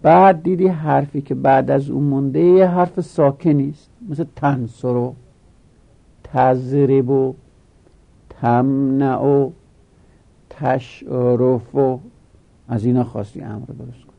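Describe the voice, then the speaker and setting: A man teaching a grammar lesson, explaining slowly and repeating each step while asking questions. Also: medium pitch, fairly even intonation, gravelly, dull audio.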